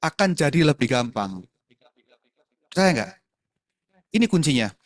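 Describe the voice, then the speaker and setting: A chatty man, talking casually to a youth group and slipping English words in. His voice sits a little high for a man and is recorded close and dry, with no room sound. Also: sing-song, unhurried, dry recording. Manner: chatty, mixes in English words, addresses the audience as friends.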